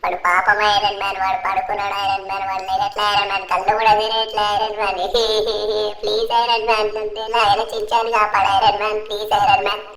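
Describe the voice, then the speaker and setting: A panicky young man, played by a woman, pleading over and over at a rapid pace. The voice has a gravelly, creaky edge. It is recorded in a roomy, echoey space with faint music in the background. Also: medium pitch, flat delivery, fairly bright tone, close to an everyday voice. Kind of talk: gaming cartoon voiceover.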